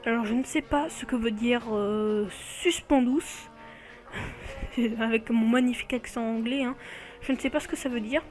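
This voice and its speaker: Woman, fairly high voice, casual game card showcase, talkative, often corrects herself, faint music underneath. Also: steady tone, fairly quick. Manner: chatty, often corrects herself mid-sentence. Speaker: video host.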